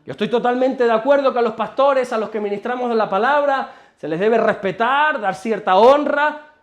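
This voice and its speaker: A pastor with a Spain Spanish accent preaching a sermon to a congregation, emphatic and repetitive, asking rhetorical questions. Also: male voice, extremely high pitch, moderate pace, muffled recording. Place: church before a congregation.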